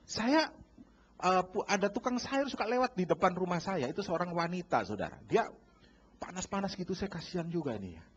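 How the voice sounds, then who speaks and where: A man pastor preaching a sermon, animated and acting out bargaining scenes while addressing the congregation. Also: high voice, a little fast, a little hiss or hum. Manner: lively, acts out bargaining dialogues, addresses congregation as saudara. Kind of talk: sermon with acted-out market scenes. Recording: dull lo-fi church recording.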